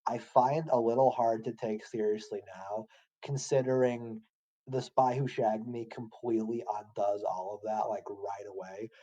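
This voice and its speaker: Casual young male co-host, mellow, a bit dull and lo-fi. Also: steady tone, a little slow. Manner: loose, slangy, swearing, laughing at lowbrow jokes. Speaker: podcast co-host. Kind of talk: casual chat.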